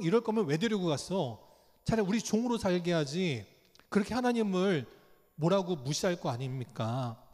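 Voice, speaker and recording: A man acting out a pleading man praying for his people, speaking slowly and earnestly. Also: sits high, darkish tone. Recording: long reverb of a church hall.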